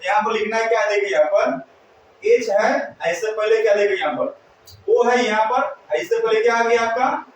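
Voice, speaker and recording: A man's voice: high voice, moderate pace. A male teacher giving a classroom lesson, drilling students with repeated questions and call-and-response. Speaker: English teacher. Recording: echoey room, mic far off.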